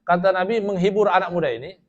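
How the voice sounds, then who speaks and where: Male preacher, high voice, storytelling sermon, quotes Arabic then explains it, asks listeners questions, muffled lo-fi sound. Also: fast. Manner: asks the audience rhetorical questions. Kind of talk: storytelling sermon to a women's study group. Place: Islamic study gathering.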